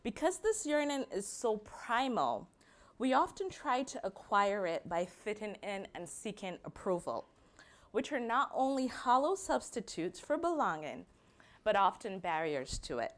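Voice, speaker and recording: Barbadian woman giving a measured talk. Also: mid-range voice, sing-song. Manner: measured, slows and stresses key words. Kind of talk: prepared personal talk.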